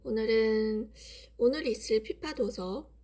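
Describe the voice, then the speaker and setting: Soft husky woman, thinking aloud. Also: fairly high pitch, a little slow. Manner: hesitant, thinking aloud with many fillers. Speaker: book reviewer. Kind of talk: casual book talk to camera. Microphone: camera mic.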